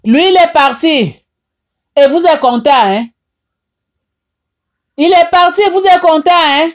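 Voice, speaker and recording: A woman's voice: extremely high pitch, animated, measured pace. Tearful woman preaching with Haitian French accent. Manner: impassioned, repetitive, rebuking. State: tearful, upset. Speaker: online advice host. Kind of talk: emotional preaching monologue.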